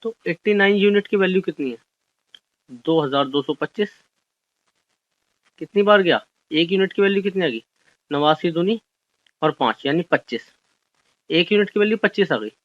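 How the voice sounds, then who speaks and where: A man's voice: sits high, expressive, normal speed, long pauses, dry recording. A young man teaching an exam-solution maths lesson, explaining step by step and asking questions that he answers himself. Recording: dry, dull lo-fi audio.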